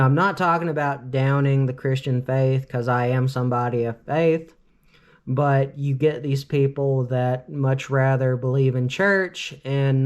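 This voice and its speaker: A man in his late twenties from Cleveland, Ohio, talks through a casual storytime vlog with a medium-pitched voice over dull-sounding audio. He rambles earnestly and shares plenty of opinions, leaning on filler words constantly.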